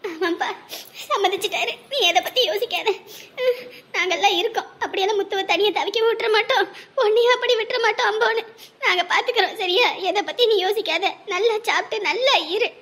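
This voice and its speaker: A woman's voice: very high-pitched, fast talker, fairly bright tone. A woman playing an elderly, doting sister who fusses and coaxes tearfully. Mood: soothing. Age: older. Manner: fussing, tearful, coaxing. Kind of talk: Tamil village web drama acting.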